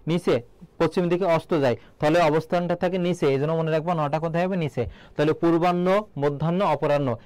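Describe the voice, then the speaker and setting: A man from Bangladesh gives an exam-prep lesson, firing off a question, then repeating the answer so it sticks. His voice sits a little high for a man. The recording is dry and close. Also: darkish tone, dry recording. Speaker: teacher.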